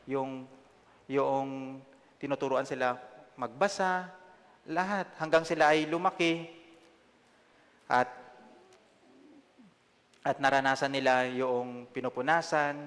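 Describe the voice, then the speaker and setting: A young man from the Philippines shares his testimony at a mid-pitched, everyday register. He talks casually and pokes fun at himself, stopping often on fillers. His voice carries the long reverb of a church hall. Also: fairly bright tone. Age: 20s. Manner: conversational, self-deprecating, with halting fillers. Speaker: lay preacher. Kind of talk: personal testimony sermon.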